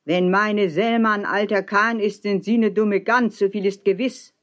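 A woman voicing a stubborn, loud old bargeman who talks in a blunt, grumbling way. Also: mid-range voice, fairly even intonation, moderate pace, close to an everyday voice. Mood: gruff.

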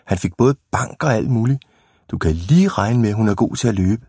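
A man reading a storybook aloud who voices a clever, scheming young boy in a lively, knowing tone. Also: on the low side, breathy edge, no room sound, studio quality. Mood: sly.

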